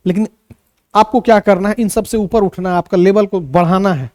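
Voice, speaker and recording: Animated high-voiced male teacher. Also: moderate pace, dry recording, clean studio sound. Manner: animated, repeats points and asks rhetorical questions. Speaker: English teacher. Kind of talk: classroom-style video lesson.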